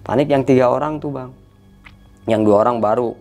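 A man's voice: mid-range voice, normal speed, a little mellow, soft background music. A man casually recounting a frightening hiking experience, tensely imitating the eerie sounds he heard. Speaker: hiker telling a story. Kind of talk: casual storytelling.

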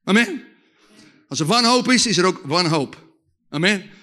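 A man preaching a sermon with testimony, leading lively call-and-response with the audience and shouting at the climaxes. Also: high voice, measured pace.

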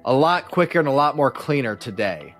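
Brisk and with big pitch swings, this medium-pitched, slightly bright voice belongs to the same musician recounting his life in casual, slangy, rambling podcast talk full of false starts. Faint music sits in the background.

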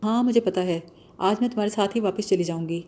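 A woman's voice: medium pitch, dark tone, lightly acted. A woman voicing an earnest young law student.

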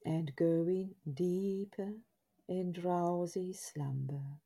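Very slow, dark, hushed woman guiding relaxation. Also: lowish voice, steady tone, slightly rough. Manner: soothing, hushed, drawn-out phrases with pauses. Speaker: guided relaxation narrator. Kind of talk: scripted guided body scan meditation in a soft, breathy half-whisper.

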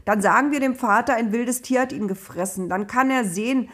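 A woman's voice: fairly high pitch, animated, a little slow, pitched above the performer's own voice. Spiteful jealous brothers, as a woman puts them on. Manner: spiteful, heated. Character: angry jealous male brothers scheming. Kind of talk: storybook narration.

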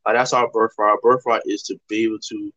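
He talks fast, in a fairly low, fairly bright voice with little pitch movement. This Toronto podcast host explains things earnestly in a rambling, casual way, peppered with "like," and the lo-fi recording comes across slightly dull.

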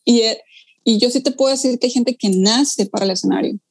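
Chatty woman pianist, animated. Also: on the high side, gravelly. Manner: animated storytelling, quick asides and acted-out quotes. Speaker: pianist guest. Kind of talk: casual conversation.

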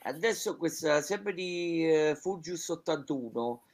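Male chat host, lightly raised pitch, markedly unhurried, halting delivery with a joking tone. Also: animated. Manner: halting, jokey. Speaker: host and interviewer. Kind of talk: casual live chat show.

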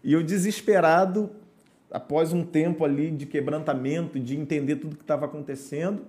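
A man speaking as a pastor, sharing his conversion story in an earnest, preacherly tone. His voice sits a little high for a man. He is recorded as a guest on a podcast. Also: fairly even intonation, brisk, darkish tone. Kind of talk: podcast testimony.

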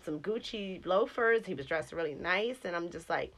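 A woman in her forties telling stories in casual chat, candid, with drawn-out fillers. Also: lowish voice, animated, fairly bright tone. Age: 40s.

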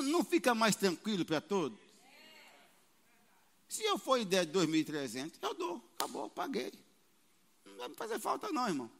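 A man preaching as a pastor, animated, with sudden loud peaks and quoted voices, in a church hall. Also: high-pitched. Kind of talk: sermon.

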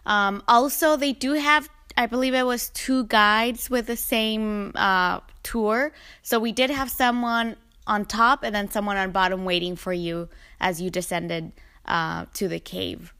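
A woman chatting in a relaxed way about a trip, with fillers. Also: medium pitch, measured pace, smooth. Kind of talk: casual travel chat.

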